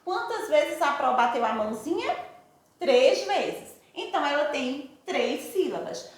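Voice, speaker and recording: A Brazilian woman teacher giving a recorded lesson to young pupils, affectionate and sing-song, addressing them slowly and warmly. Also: high voice, sing-song. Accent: Brazilian Portuguese. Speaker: primary school teacher. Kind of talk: recorded remote lesson for children. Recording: echoey room.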